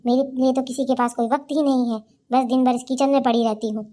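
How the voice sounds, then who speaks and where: A frustrated, overworked young daughter-in-law in a cartoon story, voiced by a woman. Her voice is high and mellow, and she speaks in a plaintive, complaining way. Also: level tone, quick pace, natural voice. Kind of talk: cartoon voice acting.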